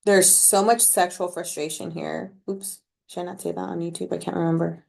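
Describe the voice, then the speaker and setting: A woman's voice: on the low side, flat delivery, moderate pace, creaky, darkish tone. A woman giving a casual collective tarot reading to her viewers, chatty and slangy, laughing at her own remarks and filling her talk with "like.". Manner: chatty and slangy, with many "like" fillers. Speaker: tarot reader.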